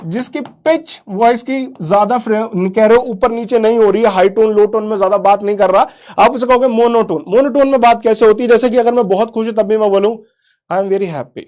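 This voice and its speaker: A man's voice: very high voice, darkish tone. A man teaching kids in a live online class, quizzing the chat and often calling them "beta". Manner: quizzes the chat, calls students "beta", repeats "theek hai"; mixes English into explanations.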